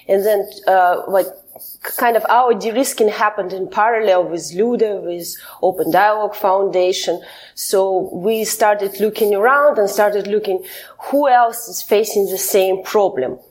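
A woman from Kazakhstan, a lawyer and human rights advocate, answering interview questions in a measured way with frequent hesitations. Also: lowish voice, a little mellow, low-quality recording.

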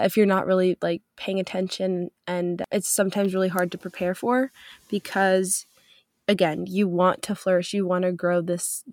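Stuffy from a cold, a young woman runs a casual faith podcast, chatting cheerfully and loosely with plenty of fillers. Her voice is mid-range, and the studio-quality recording has no echo.

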